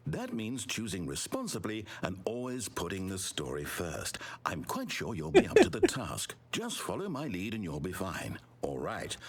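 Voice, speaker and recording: A man's voice: breathy edge, full character voice. An actor playing a controlling male video game narrator, proud of his story, with precise, theatrical delivery. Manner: precise, theatrical delivery with wild swings in pitch. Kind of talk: scripted video game voice acting.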